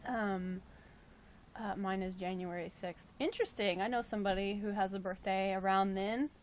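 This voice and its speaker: A livestream host in her late twenties talks with a steady tone at a moderate pace. Chatty and jokey, she reads viewer comments in a casual stream and punctuates them with playful high exclamations.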